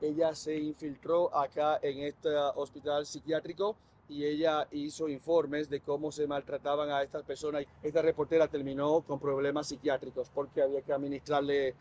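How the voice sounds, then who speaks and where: A man's voice: on the high side, flat delivery, normal speed, few pauses, darkish tone, slight background noise. A man with a Dominican Spanish accent guiding a walking tour outdoors, quizzing his group with questions. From Dominican Republic. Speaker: tour guide. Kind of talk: guided walking tour talk. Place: outdoors in a city.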